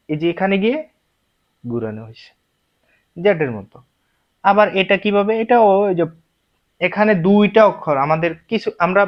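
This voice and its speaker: A man teaching Japanese script step by step, explaining each stroke and repeating the syllables aloud. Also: fairly high pitch. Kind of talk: slow step-by-step lesson. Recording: dull lo-fi recording.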